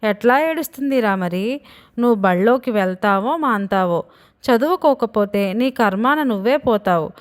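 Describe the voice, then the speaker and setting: A woman's voice: on the high side, lively intonation, moderate pace, close to an everyday voice. A woman voicing a stern middle-aged father, now in his young son's body, who talks indignant and complaining.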